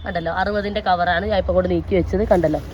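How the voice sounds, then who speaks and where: A woman's voice: fairly low pitch, fairly even intonation, very fast, a little mellow, a little hiss or hum. Chatty woman selling plants, muffled sound. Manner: chatty, urging viewers to order. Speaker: plant seller. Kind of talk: casual sales chat. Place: plant nursery.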